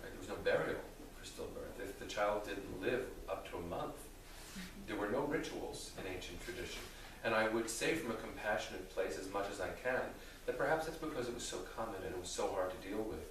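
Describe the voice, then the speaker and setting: Echoey, distant, deliberate low-voiced male rabbi. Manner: deliberate, thoughtful, with careful qualifications. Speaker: rabbi answering audience questions. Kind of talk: theological question-and-answer talk. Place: reverberant indoor room with an audience. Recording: very echoey room, distant mic, faint noise.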